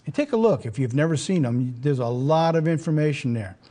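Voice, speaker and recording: Male religious program host, soft dark timbre, slightly high pitch, informal emphatic preaching. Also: animated, fairly quick. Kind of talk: informal presenting and preaching to viewers.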